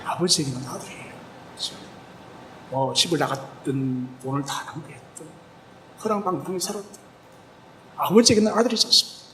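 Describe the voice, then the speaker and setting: Man, pastor, sermon, storytelling, rhetorical questions, high-pitched. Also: fairly quick, long pauses, fairly bright tone, a little hiss or hum.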